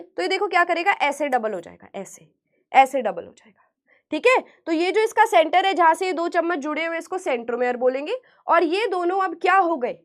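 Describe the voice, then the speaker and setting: A woman teacher giving an online class lecture, animated and repeating key terms back to her students as questions. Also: high-pitched.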